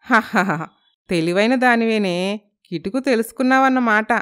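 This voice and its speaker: A woman's voice: a little high, normal speed, a bit bright, clear, resonant tone, close to an everyday voice. Brief: feisty old village granny, scolding yet fond, put on by a woman narrator. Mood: teasing. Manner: scolding, teasing, affectionate. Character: teasing elderly village grandmother, old woman.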